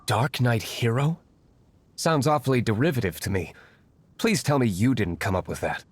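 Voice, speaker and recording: A male actor voices a brooding, aloof young nobleman vigilante for a game, his medium-pitched voice expressive with a breathy edge. He talks at a normal pace, formal, curt and dryly serious in this character dialogue.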